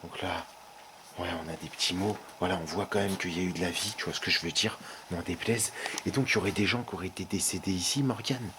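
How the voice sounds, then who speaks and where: A man co-hosting a parody exploration video in an abandoned garage, talking deadpan and mock-serious and repeating the same stock phrase. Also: sits low, quick pace. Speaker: co-host of a parody urban-exploring show. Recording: loud background noise.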